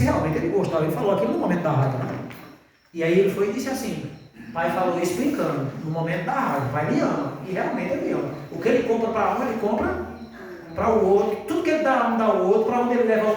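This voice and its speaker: A man's voice: high-pitched, a little mellow, slight background noise. A man preaching a sermon in church, folksy and questioning, calling his listeners brother. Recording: very echoey church, mic far off.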